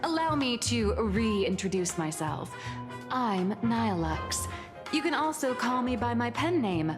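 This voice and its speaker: A woman's voice: fairly high pitch, very animated, a little slow. Smug scheming boss lady. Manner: confident, teasing, theatrical. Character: smug scheming woman magazine founder. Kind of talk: game voice acting. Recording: game audio with reverb and music.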